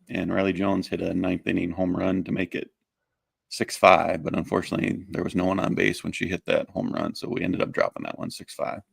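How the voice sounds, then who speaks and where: Deep gravelly man recapping sports stats. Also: dry recording, clean studio sound. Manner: steady, plain recap of game stats with fillers. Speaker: co-host. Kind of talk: casual sports podcast recap.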